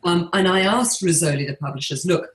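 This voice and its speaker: A middle-aged woman from England, speaking in a measured, reflective way with frequent pauses and restarts as an interview guest. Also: on the low side, reverberant, low-quality recording. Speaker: interior designer and author being interviewed.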